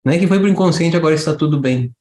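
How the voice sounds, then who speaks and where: A man with a high voice gives an animated spiritual talk to a group. He asks rhetorical questions and jumps into quick little impressions of a child and its mother as he explains. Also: reverberant. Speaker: spiritual teacher.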